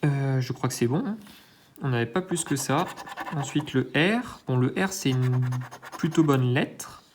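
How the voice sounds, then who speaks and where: A man's voice: mid-range voice, expressive, a little slow, a little hiss or hum. A man hosting his own channel, giving hesitant, think-aloud commentary while scratching lottery tickets, with self-mocking asides and lots of filler sounds. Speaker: scratch-card channel host.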